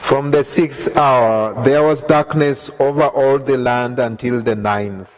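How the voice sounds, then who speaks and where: A man leading the Way of the Cross, reading prayers and scripture in a measured, reverent manner. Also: mid-range voice, poor audio. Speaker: prayer leader.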